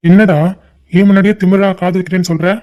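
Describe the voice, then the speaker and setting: A man's voice: sits high, little pitch movement, fast, muffled recording, lightly acted. A man voicing a stern, angry middle-aged father in a cartoon family drama, scolding and giving orders. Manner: scolding, commanding.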